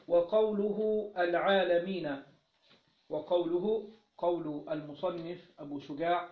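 Egyptian teacher guy explaining a classical text, asks and answers his own questions, echoey muffled recording. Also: sits high. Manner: asks questions then answers them, repeats key phrases. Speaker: teacher of Islamic jurisprudence. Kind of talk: religious lesson, explaining a text. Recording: roomy, dull lo-fi recording.

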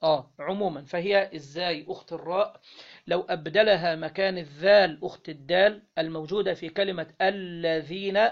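A man with an Egyptian accent teaching Islamic law, reading a legal text aloud and then explaining it, often pausing to quiz his listeners. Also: high voice, muffled recording. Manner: reads the text then explains, quizzing listeners with "what?" pauses.

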